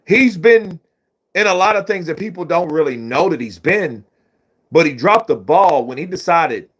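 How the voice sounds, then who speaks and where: A male livestream host with a fairly high, very lively voice that rises and falls a lot. He talks unhurriedly in a casual chat style, greeting and thanking viewers one by one. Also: breathy edge. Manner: thanks viewers by name, hypes up loudly.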